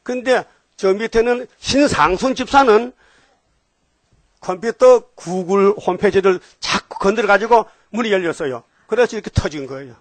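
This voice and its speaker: A man with a Gyeongsang Korean accent preaching a sermon in a lively way, often firing questions at his congregation. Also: high-pitched, dry recording. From Gyeongsang region, Korea. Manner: animated, questions the congregation, jumps between topics. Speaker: pastor.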